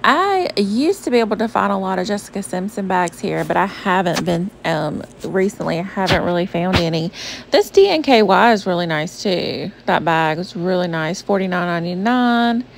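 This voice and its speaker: A young woman from the Southern United States, a shopping vlogger, narrates in a lowish, animated voice with vocal fry at a moderate pace, plus a little hiss or hum. Her chatty voice-over brims with "um" and "like," was recorded apart from the pictured store, and has faint background music.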